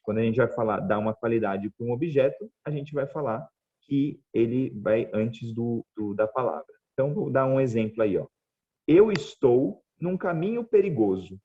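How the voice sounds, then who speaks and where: A Brazilian man teaching an online English class, repeating words slowly and often checking that students follow. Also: mid-range voice, muffled recording.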